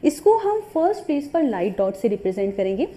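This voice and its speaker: A woman's voice: a little high, big pitch swings, fairly quick, dark tone. A woman teaching a shorthand course in a patient, step-by-step way, often checking in with the listener. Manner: patient, repeats points with frequent "ठीक है" check-ins. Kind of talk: step-by-step tutorial explanation.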